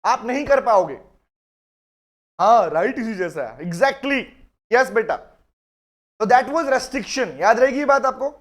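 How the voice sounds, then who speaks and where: A man teaching a live online law lecture, joking with his students and dictating definitions slowly, word by word. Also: very high-pitched, fairly bright tone. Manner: playful, teasing, calls students 'beta'.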